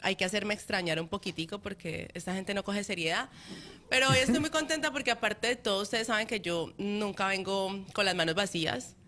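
A woman co-hosting a morning show, introducing guests in a playful, warm way. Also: mid-range voice, fairly quick, a little hiss or hum. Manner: playful, laughing, then warmly presenting guests.

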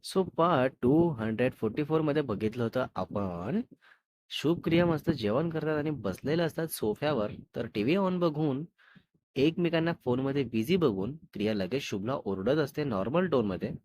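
A man's voice: mid-range voice, expressive, normal speed, darkish tone, no room sound. A man narrating a serialized love story in a chatty, casual way, mixing in English words.

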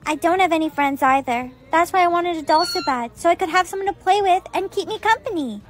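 A woman with a very high voice acting a lonely orphan girl, soft and earnest in tone. Faint background music sits beneath her lines. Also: a little fast. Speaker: orphan girl in a storytime skit. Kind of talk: acted skit dialogue.

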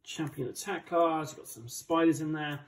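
A man's voice: fairly high pitch, moderate pace, slight background noise. A man with an English accent giving chatty, enthusiastic, casual unboxing commentary as a board game channel host. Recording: roomy, distant microphone.

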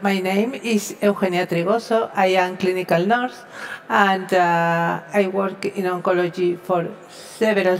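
A woman's voice: medium pitch, low-quality recording. A middle-aged woman speaks as an oncology nurse on a conference stage. She is earnest and often repeats words while searching for the next ones. Her voice comes through a headset mic. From Spain. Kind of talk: panel discussion.

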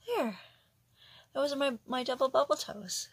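Middle-aged woman, home nail vlogger, husky fry in the voice, chatty and muttering to herself, easygoing tutorial delivery. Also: sits high, a little slow. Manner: chatty, talks to herself while working, drops into whispers. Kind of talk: casual tutorial chat.

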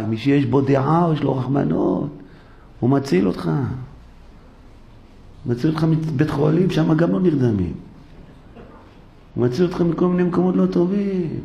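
A man's voice: on the high side, creaky, muffled recording. A man, a rabbi, giving a sermon in a synagogue. He tells everyday stories and acts out the people in them. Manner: animated storytelling, acting out the people in his stories. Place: synagogue, recorded for a live broadcast.

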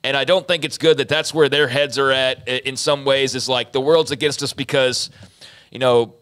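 At a medium pitch and normal pace, this young male sports talk co-host sounds steady and slightly bright. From the studio, using a mic and headphones, he reflects on things and keeps recasting what he means.

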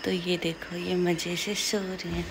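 A woman's voice: fairly low pitch, level tone, measured pace, a little hiss or hum. Woman coaxing in sing-song baby talk. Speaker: vlogger, mother. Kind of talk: casual family vlog.

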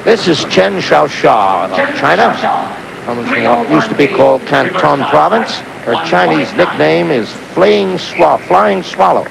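A man's voice: a little high, sing-song, a little slow, vocal fry, a loud crowd. A man giving live sports commentary on an old, noisy outdoor broadcast. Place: outdoor diving stadium.

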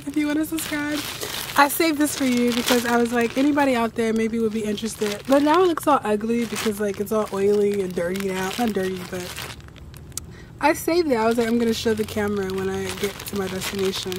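A tired woman in a rambling, excitable casual vlog to camera, recorded outdoors at night on a handheld phone after a long ride. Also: a little high, fairly quick, background noise. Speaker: travel vlogger.

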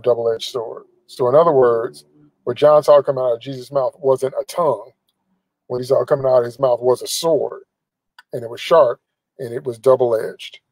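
A middle-aged man preaches an emphatic sermon, live-streamed from inside a car, with his phone held at arm's length. His voice sits at a middle pitch, and the sound is dry and close with no room echo. He drives his points home by repeating phrases. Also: a little mellow. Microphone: phone camera at arm's length.

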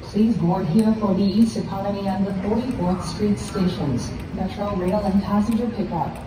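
A woman's calm, measured voice gives an automated train announcement through a loudspeaker. It rings out in a very echoey space from some distance away. Heavy vehicle rumble sits under every word. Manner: calm, even, measured delivery. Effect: automated train announcement over a loudspeaker. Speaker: recorded announcer. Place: inside an airport people-mover train.

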